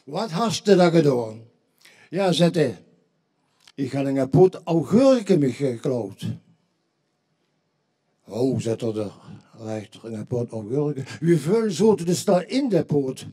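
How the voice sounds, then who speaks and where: Husky Limburgish man telling carnival jokes. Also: a little high, sing-song, takes it slowly, pauses often, mellow. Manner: tells punchline jokes, acting out quoted voices. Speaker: carnival stand-up comedian. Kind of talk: carnival joke routine.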